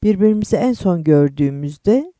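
Male narrator in his fifties, measured storytelling, dry, close sound. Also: sits high, lively intonation, warm tone, no echo. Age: 50s. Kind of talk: first-person story reading.

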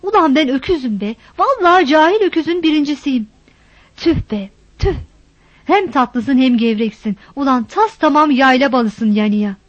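A woman voicing a rough, boastful village man who courts a woman in a coarse, stammering way. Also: high-pitched, expressive, normal speed, no echo, dull audio. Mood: wheedling.

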